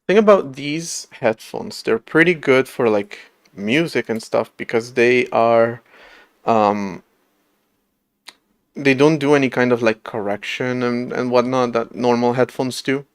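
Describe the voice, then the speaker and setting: A man's voice: mid-range voice, a little slow, clean tone, no room sound. Late-twenties male streamer, mid-range voice, dry close sound, casual self-deprecating rambling. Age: late 20s. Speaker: livestreamer coding an operating system. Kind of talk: casual livestream chat.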